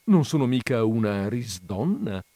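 A jovial gentleman who delights in his own wordplay, his voice lively and leaping upward, as a man reading a story puts him on. The sound is close and dry. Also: mid-range voice, a little slow, no room sound, voice pushed up. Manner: jovial, cheerfully pleased with own puns. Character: jovial punning male gentleman.

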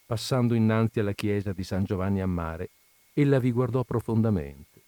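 A man narrating a classic literary story in a measured, unhurried reading, recorded close to the mic. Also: fairly low pitch, mellow, dry recording. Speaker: reader of literary stories.

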